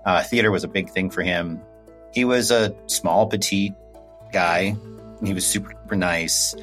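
A man's voice: sits low, fairly even intonation, a little slow, a bit bright, soft background music. A man interviewed for a podcast, recalling a friend hesitantly in a casual way. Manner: hesitant, with fillers and restarts. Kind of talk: casual recollection.

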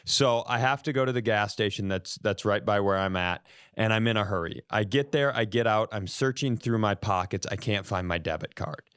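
Exasperated and profane, this podcast host animatedly retells a funny story, performing each line of dialogue himself. His voice is on the low side and clean-toned, moving at a moderate pace with hardly any pauses. The sound is clean studio quality, free of room noise.

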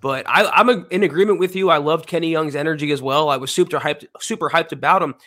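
A man co-hosting a sports podcast, talking in a relaxed, conversational way with fillers. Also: fairly high pitch, fast. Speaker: podcast co-host. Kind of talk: casual sports podcast talk.

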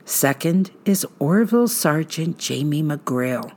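A woman hosts a podcast, telling a true-crime script in a measured, suspenseful storytelling style full of dramatic pauses. Her voice is low, expressive, and slightly mellow.

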